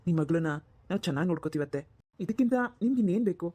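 A woman's voice: fairly low pitch, animated, racing, mellow, breathy edge. A woman voicing a kind, respectful young son-in-law in a cartoon, talking earnestly and reassuringly.

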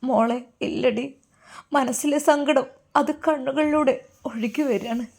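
A woman voicing a grieving elderly mother who speaks softly and tearfully, with a Malabar Malayalam accent. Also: sits high, measured pace, vocal fry. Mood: sorrowful. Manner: soft, tearful and pleading.

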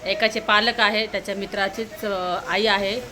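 A young woman from Maharashtra, a mother talking in a casual family vlog, animated, often repeating words in quick calls. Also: mid-range voice, crowd noise. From Maharashtra, India. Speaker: vlogger and mother.

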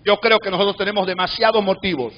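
A man preaching a fervent sermon, swinging from loud shouted peaks down to a low murmur. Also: fairly even intonation, quick pace, highs cut off. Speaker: pastor. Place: church sanctuary.

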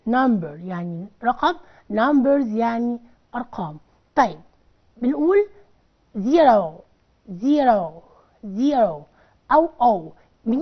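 A woman with an Egyptian accent teaching English on a televised lesson, patiently drilling words by repeating them slowly. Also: on the high side. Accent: Egyptian Arabic. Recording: dull lo-fi TV broadcast recording.

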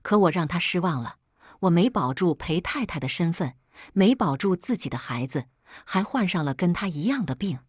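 A woman with a lowish, slightly husky voice tells a first-person story in a measured, plaintive way. The recording is dry and close to the mic, with no room sound. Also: animated, dry recording. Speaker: narrator.

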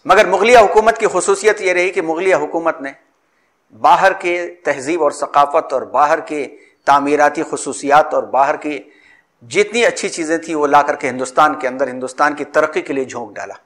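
A man giving a formal history lecture in measured, elaborate phrasing, sometimes restarting words mid-sentence. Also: on the high side, a bit bright.

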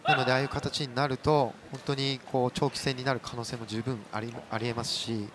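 A man's voice: mid-range voice, flat delivery, a little fast. A man giving expert analysis on a match, explaining tactics with lots of filler words. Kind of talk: color commentary. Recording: broadcast over loud arena crowd and noise.

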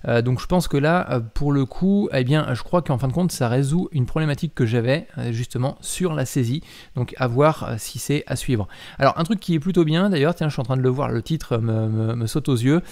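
A man, a mobile app developer, talking casually about a software update, hesitant with many filler sounds and self-corrections as he reads and comments. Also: medium pitch, brisk. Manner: reads aloud while commenting. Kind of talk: casual explanatory talk.

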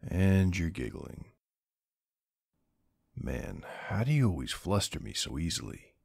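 Very deep-voiced, flustered young streamer boyfriend played by a man. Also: vocal fry, darkish tone, husky, no echo, clean studio sound, exaggerated voice. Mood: flustered, defensive. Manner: teasing, easily flustered, affectionate. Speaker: roleplay voice actor. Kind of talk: boyfriend role-play, casual livestream chat.

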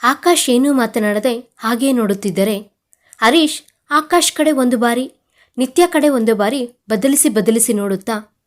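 Woman, storyteller, romantic audio story, expressive, higher voice. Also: measured pace, pauses often.

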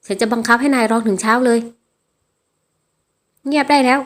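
Controlling young guy read by a woman with a high voice, slow bossy lines, storybook reading. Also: steady tone, natural voice. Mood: domineering. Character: domineering tall young man, cold and controlling.

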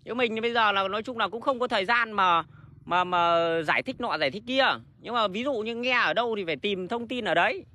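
A man's voice: high voice, fairly quick, sharp tone. A man hosting a casual livestream, talking bluntly and rambling with restarts and frequent swearing. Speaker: livestream host selling plants.

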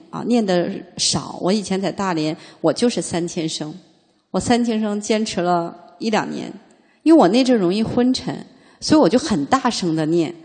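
A woman Buddhist teacher gives a conversational dharma lecture, her voice a little husky and breathy at a mid pitch. She lingers over classical lines, then unpacks them in easy, filler-laden talk. A long hall reverb trails behind her words. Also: darkish tone. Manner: reads a classical passage slowly, then explains it in plain speech; chatty, frequent "啊" fillers and rhetorical questions.

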